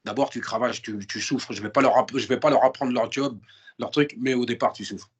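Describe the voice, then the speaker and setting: A man of medium pitch and slightly rough texture talks fairly quickly while being interviewed. He's emphatic and animated, slipping into slang and often restarting sentences or repeating words.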